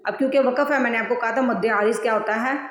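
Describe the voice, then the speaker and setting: A woman's voice: fairly high pitch, fairly even intonation, very fast. Woman tajweed teacher, patient, repeats everything, roomy echo w long reverb. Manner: patient, repeats rules and counts seconds aloud; draws out recited syllables. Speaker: Quran recitation teacher. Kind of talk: tajweed lesson.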